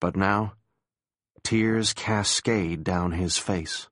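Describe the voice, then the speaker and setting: A man narrating an audiobook in a measured, somber manner. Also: sits low, steady tone, a bit bright, dry recording, clean studio sound. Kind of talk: scripted narration.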